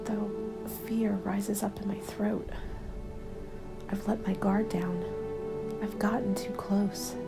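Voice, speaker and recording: A woman with a mid-range voice narrates a scripted first-person ASMR roleplay story in a soft, breathy whisper with a creaky edge. She tells it in a hushed, very even way, slowly and deliberately, while instrumental music plays clearly behind her.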